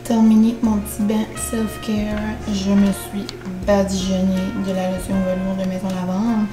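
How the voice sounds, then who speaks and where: A woman with a Quebec French accent chatting casually at home for her vlog, excitable and dropping English words into her talk. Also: medium pitch, measured pace, rough recording. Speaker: vlogger. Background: background music.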